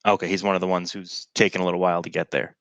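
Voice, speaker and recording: A man plays as a guest at a tabletop game, methodically asking about positions before he rolls. His voice is on the low side, and the sound is dry and close. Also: level tone, racing, fairly bright tone, no echo, muffled recording. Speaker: guest player.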